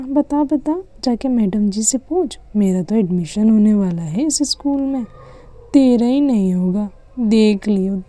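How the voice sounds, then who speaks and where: A bossy, teasing little girl , as a woman puts her on, in a doll-play cartoon, pitched up and sharp-tongued. Her voice stays dark and mellow, recorded dry and close. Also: no echo. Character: bossy schoolgirl sister Rani, teasing.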